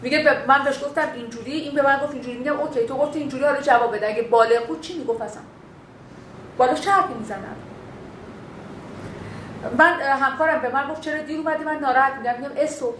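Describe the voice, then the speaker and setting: Animated woman lecturing in an echoey room. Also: high voice, a little hiss or hum. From Bakhtiari heritage. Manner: animated, acts out quoted dialogue. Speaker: instructor. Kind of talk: classroom lecture on communication.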